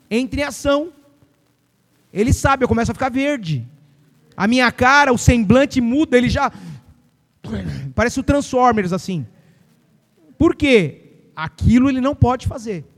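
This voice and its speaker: High-voiced pastor preaching fiery. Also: male voice, big-room sound. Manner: fiery, emphatic declarations with acted-out quotes. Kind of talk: sermon.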